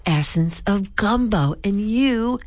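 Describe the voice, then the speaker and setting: A woman's voice: medium pitch, animated, slow pace, a little mellow. A woman hosting a radio food show, interviewing guests with enthusiastic, savoring descriptions.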